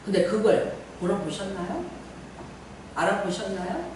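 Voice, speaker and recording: A middle-aged woman pastor preaching a sermon in a chatty, animated way, often laughing as she talks. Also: medium pitch, measured pace, background noise. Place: church sanctuary. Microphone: distant from the mic. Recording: very echoey church hall from far off.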